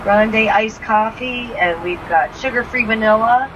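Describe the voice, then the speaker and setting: A woman's voice: on the high side, highs cut off. Woman through a drive-thru speaker. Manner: brisk, repeats the order back. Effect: heard through a drive-thru speaker box. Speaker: drive-thru order taker. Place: heard from inside a car at a drive-thru. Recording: noisy outdoor car recording.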